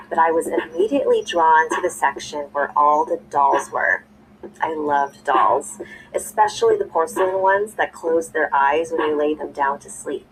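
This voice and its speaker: A young woman telling a scary story in smooth, scripted narration, played back from a video. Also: deep voice, a little hiss or hum, low-quality recording. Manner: smooth, even storytelling with a spoken ad read.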